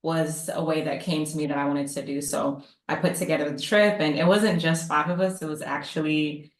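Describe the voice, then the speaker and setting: On a video call, a thirty-something woman from Maryland, a psychologist appearing as a guest, chats warmly in a casual panel conversation, saying "like" frequently. Her voice is low-pitched with fairly even intonation at a moderate pace, and the recording has a roomy sound.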